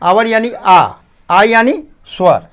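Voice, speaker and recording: A man teaching a grammar lesson, slow and repetitive, often asking students to pay attention. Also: high-pitched, lively intonation.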